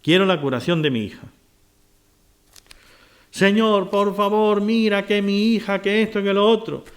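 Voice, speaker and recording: A man's voice: sits high, measured pace. A man preaching who voices a desperate mother crying out for help for her daughter. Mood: insistent. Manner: crying out, pleading.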